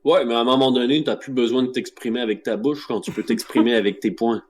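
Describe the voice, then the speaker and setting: Quick-talking Quebec co-host. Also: male voice, medium pitch, fairly even intonation. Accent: Quebec French. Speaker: podcast co-host. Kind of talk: casual podcast chat.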